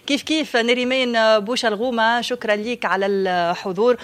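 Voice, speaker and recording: A woman's voice: on the high side, fairly quick. A woman with a Tunisian accent hosting a live radio show in a chatty style.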